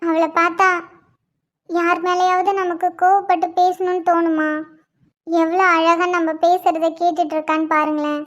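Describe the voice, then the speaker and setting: A woman voicing Nila, a gentle, forgiving young wife and new mother in a cartoon, speaking softly and cheerfully. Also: extremely high pitch, flat delivery, normal speed, highs cut off. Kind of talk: cartoon voice acting.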